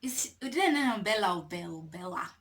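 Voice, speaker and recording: A young Kenyan woman telling a casual storytime to her camera, animated and laughing, dropping Swahili slang into her English. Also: lowish voice, fairly quick. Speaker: vlogger.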